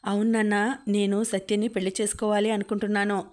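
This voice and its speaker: A woman's voice: mid-range voice, little pitch movement, fast, a little mellow, natural voice. A woman reading the part of an earnest young man telling his father he wants to marry.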